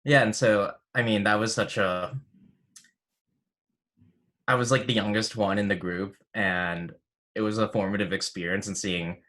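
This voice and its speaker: A man's voice: low-pitched, sharp tone. A man in his twenties, a graduate student, giving a casual acceptance speech over a video call, peppered with "like". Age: 20s. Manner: casual, fluent, many likes. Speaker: graduate student, scholarship recipient.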